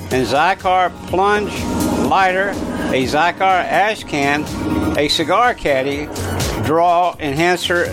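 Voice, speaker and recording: A man reading a brisk radio advertisement for a local shop. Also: loud music behind the voice, rough recording. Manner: brisk sales pitch. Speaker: ad announcer. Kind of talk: radio ad read.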